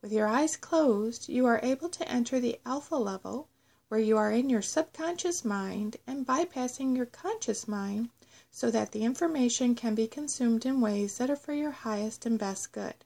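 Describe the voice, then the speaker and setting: Creaky-voiced woman guiding a meditation. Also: a little high, a little mellow. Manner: measured, instructional delivery. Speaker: host of a guided self-love meditation audio. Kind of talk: guided meditation narration, scripted.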